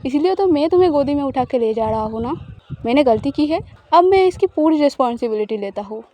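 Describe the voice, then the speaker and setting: A woman plays a smug, possessive young spouse in an audio story, teasing and coaxing with a smile in the words. The voice is high but mellow and soft. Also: expressive, fast talker, slight background noise.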